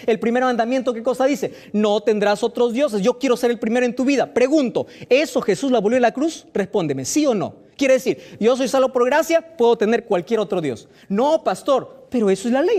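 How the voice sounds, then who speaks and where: A male pastor preaching a sermon, emphatic and slow on stressed phrases, asking the listener rhetorical questions. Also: very high voice, a little mellow.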